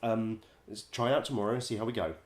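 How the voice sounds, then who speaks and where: Low-voiced guy spinning wry showbiz stories, lots of ums and chuckles, echoey room. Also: fairly even intonation, fast talker, darkish tone. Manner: chatty, wry, laughs often, many ums. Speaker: musical director and vocal coach. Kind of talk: casual anecdote-telling.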